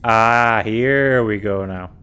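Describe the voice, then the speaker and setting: A man's voice: lowish voice, takes it slowly, sharp tone, smooth. A tired man streaming a puzzle game, talking casually and thinking aloud as he works through it. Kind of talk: casual let's-play commentary.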